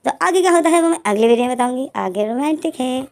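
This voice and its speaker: Woman storyteller, casual retelling, slightly high, mellow tone. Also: lively intonation, fast. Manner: chatty, conversational narration. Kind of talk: casual fan-fiction retelling.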